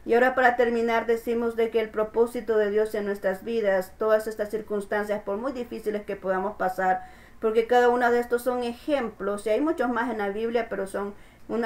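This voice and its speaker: A woman's voice: on the high side, darkish tone. A woman pastor preaching a sermon, emphatic and repeating her phrases, often asking her listeners for agreement.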